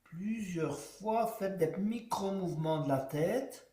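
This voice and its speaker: A man guiding a yoga class, giving slow, calm cues timed to the breath. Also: sits high. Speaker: yoga teacher. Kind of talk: guided yoga class instruction. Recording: echoey room, voice from far off.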